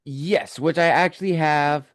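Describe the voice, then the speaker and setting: A man's voice: on the high side, fairly even intonation, a little slow. A young adult man, an author being interviewed on a video call, talking about his books with enthusiasm and plenty of fillers. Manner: enthusiastic, explains at length with fillers. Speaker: author and podcast host, guest here. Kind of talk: casual interview talk.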